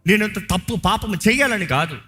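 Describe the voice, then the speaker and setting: A man's voice: high-pitched, animated, normal speed, sharp tone. A man with a Telugu accent preaching a sermon as a pastor, emphatic, slipping English phrases into his preaching.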